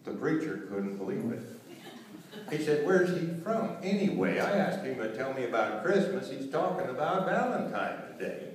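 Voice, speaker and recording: A man's voice: medium pitch, animated, normal speed. A man with a folksy cowboy drawl recites humorous cowboy poetry live, telling rhymed stories in a theatrical way. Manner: theatrical rhyming storyteller delivery. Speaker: cowboy poet performing on stage. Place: echoey room with live audience. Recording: roomy echo, distant mic, faint noise.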